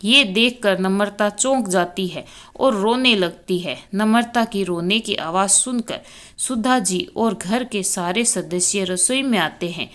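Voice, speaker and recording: Slow, calm woman narrating a story. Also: medium pitch. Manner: unhurried storytelling delivery, voicing each character by name cue. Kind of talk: scripted narration of a family story, reading all parts.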